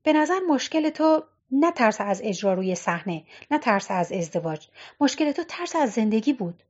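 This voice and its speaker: A woman's voice: fairly high pitch, big pitch swings, a little mellow. A woman voicing a resentful young man, a former drummer, who talks in a bitter, complaining way in an audiobook. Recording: dull lo-fi recording.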